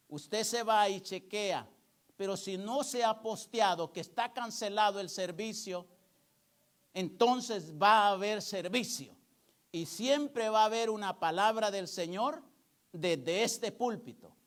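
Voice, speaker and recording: Older male pastor, high voice, earnest pulpit sermon with emphatic calls to the congregation. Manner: earnest preaching, swelling to emphatic exhortation. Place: church pulpit.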